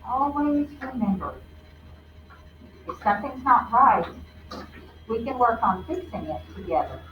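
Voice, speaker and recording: A woman voicing a kind, wise grandpa in a children's storybook, gentle and encouraging. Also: a little high, lively intonation, a little slow. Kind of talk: children's storybook read-aloud. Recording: roomy, distant, muffled, faint noise.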